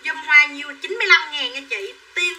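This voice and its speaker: A woman's voice: high voice, lively intonation, fast, bright, forceful tone. A woman running a live sales stream, chattily calling out prices and buyer names and coaxing viewers to buy. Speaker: livestream clothing seller. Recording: distant mic with faint background noise.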